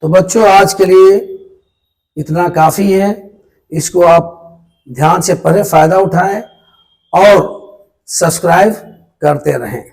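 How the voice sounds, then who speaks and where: Man, English teacher, high voice, very slow, spells out and repeats sounds for pupils. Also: a little mellow, rough recording. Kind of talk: classroom pronunciation lesson.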